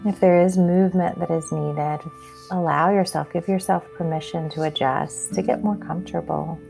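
A woman hosting a podcast leads a calm grounding exercise in a gentle, unhurried, instructional manner. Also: lowish voice, vocal fry, faint music behind. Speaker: podcast host and mindfulness guide.

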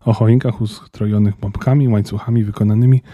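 A man reading a children's story aloud, calm and even. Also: on the low side, brisk, no echo, muffled recording. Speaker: narrator.

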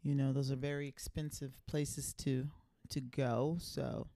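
A woman's voice: rumbling low, little pitch movement, measured pace, dark tone, no echo, studio quality. A middle-aged woman chatting casually as a podcast guest, with a sassy manner. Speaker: podcast guest, the host's parent. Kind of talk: casual chat.

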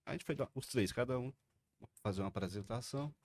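A man with a Cearense accent, telling casual anecdotes as a lively storyteller with big pitch jumps. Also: fast talker. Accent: Cearense Brazilian Portuguese. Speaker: podcast guest, son-in-law of the judge.

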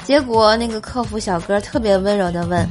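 A woman's voice: mid-range voice, a little fast, a little mellow. A woman hosting a comedic podcast, telling funny stories in a playful way and often laughing as she talks. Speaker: podcast host. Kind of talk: comedic joke storytelling. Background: background music.

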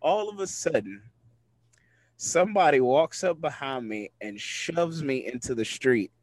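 A man's voice: medium pitch, expressive, unhurried, no room sound. A man telling a funny personal story in casual chat, often laughing as he talks.

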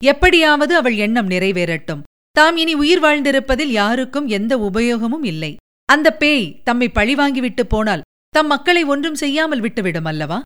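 A woman presenter narrating a serialized novel aloud in a measured, expressive reading style. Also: high-pitched, smooth. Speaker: presenter and storyteller. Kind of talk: scripted audiobook narration.

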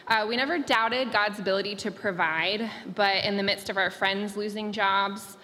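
A woman's voice: mid-range voice, fairly even intonation, moderate pace, pushed and bright. A woman speaking as a missionary, sharing a sincere and reflective testimony. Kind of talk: personal testimony. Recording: echoey hall with faint noise.

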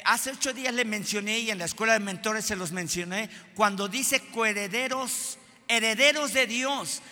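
A pastor preaches with passion, his high voice climbing into fervent shouts before dropping into chatty asides. His tone is piercingly bright and forceful. The sound carries a long reverb from a church hall. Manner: passionate preaching that swings between shouted peaks and quiet asides. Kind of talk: sermon.

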